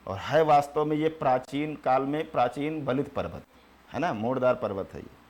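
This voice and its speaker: A man teaching a geography class, repeating terms slowly for notes and answering his own questions. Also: medium pitch, a little mellow. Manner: repeats key terms slowly for students to write.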